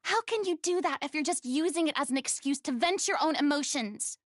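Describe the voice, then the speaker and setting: A woman's voice: high voice, a little fast, dry recording, close to an everyday voice. A woman voicing a stern, commanding young woman in a video game, lecturing in a firm voice. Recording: game music underneath.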